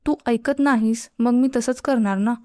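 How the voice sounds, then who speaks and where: A woman's voice: on the high side, moderate pace, dark tone, no echo, clean studio sound, lightly acted. A woman voicing a stubborn, bossy young college girl who insists and scolds, in a spoken storybook. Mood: insistent.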